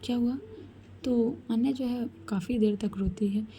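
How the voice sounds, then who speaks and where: A woman storyteller narrating a romance in a chatty, soft-spoken way, addressing the listeners. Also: fairly high pitch, steady tone, moderate pace, slight background noise.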